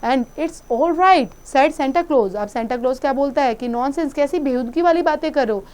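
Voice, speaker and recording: A woman's voice: sits high, warm tone. A woman teacher reading an English story aloud and explaining it line by line in Hindi to pupils. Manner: reads English slowly, then explains in Hindi.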